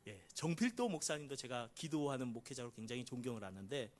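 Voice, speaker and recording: A middle-aged man preaching a sermon as pastor, acting out quoted prayers with big shifts from loud cries to hushed pleading. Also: lively intonation, quick pace. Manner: dramatic, acts out quoted prayers with big swings in pitch and volume.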